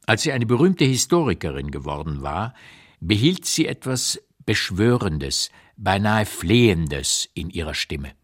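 Reading memoir notes slowly and with deliberate emphasis, an actor portrays a blunt writer of 85 reviewing his life for a literary radio play. The voice sits lowish, and the mood is candid and observant.

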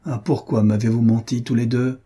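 A man's voice: mid-range voice, flat delivery, moderate pace, dark tone, husky, close to an everyday voice. A man reading an anguished, jealous husband who pleads with his friend in emotional outbursts, in an audiobook. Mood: accusing.

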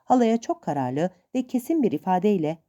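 A woman narrating a storybook in an expressive, measured way. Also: mid-range voice, muffled recording.

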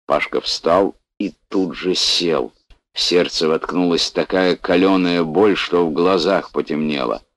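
A man reading a literary story aloud as an audiobook narrator, in a measured, unhurried way. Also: low-pitched, dry recording.

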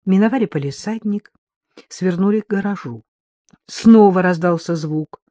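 Measured audiobook narrator, dark tone. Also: medium pitch, dry recording, studio quality.

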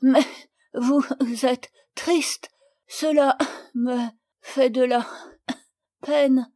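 A woman's voice: sits high, fairly even intonation, very slow, dark tone, voice pushed up. A woman reading aloud, voicing a remorseful little girl who is sobbing and speaks in broken, pleading phrases. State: crying, choking with sobs.

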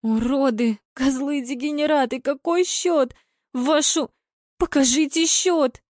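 A woman's voice: high voice, slow pace, a little mellow, dry recording, studio quality, voice pushed up. Woman doing a shrieking young woman football fan. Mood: frantic. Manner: shrieking, swearing at the screen.

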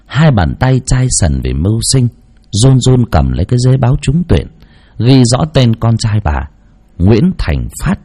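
A man narrating a heartfelt village story in slow, scripted storytelling. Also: mid-range voice, big pitch swings, dark tone.

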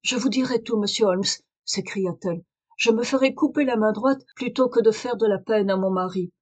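A woman's voice: mid-range voice, normal speed, darkish tone, lightly acted. A woman reader voicing a desperate aristocratic young wife in a French audiobook, pleading and urgent. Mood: anxious confession. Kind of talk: audiobook reading of a detective story.

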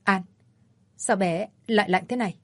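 A woman's voice: mid-range voice, normal speed, a bit bright, no room sound, close to an everyday voice. A woman voicing a frail young mother who pleads in a trembling voice. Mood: frantic. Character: young mother, frail and frantic over her newborn.

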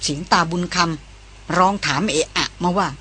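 A woman narrating an adventure audiobook in a steady, vivid storytelling manner. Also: on the low side, normal speed, breathy edge. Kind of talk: scripted narration.

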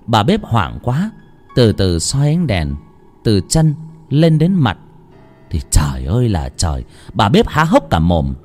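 A man's voice: mid-range voice, mellow. A man narrating a ghost story in a theatrical, suspenseful style. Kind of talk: dramatic horror story narration. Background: faint music.

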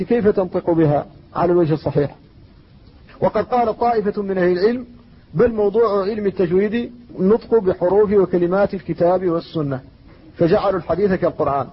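Husky high-voiced man teaching tajweed. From Mauritania. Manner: measured, slows to recite verses and poetry. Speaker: Islamic scholar teaching tajweed. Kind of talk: classroom lecture explaining a text. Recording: dull lo-fi lecture recording.

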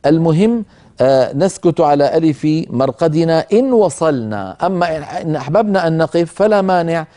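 Mellow-voiced male recitation teacher. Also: on the high side, animated. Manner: measured, explanatory, pauses to demonstrate recitation slowly. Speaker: Quran recitation teacher, program host. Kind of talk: televised tajweed lesson.

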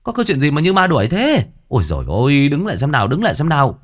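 A man voicing a gruff, foul-mouthed old village man who scolds bluntly in a spoken ghost story. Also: on the high side, huge pitch swings, racing, pitched above the performer's own voice. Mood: puzzled.

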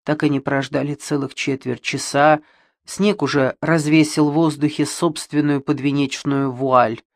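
A woman reading a novel aloud as audiobook narration, measured and even. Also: sits low, no room sound, studio quality. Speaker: audiobook reader.

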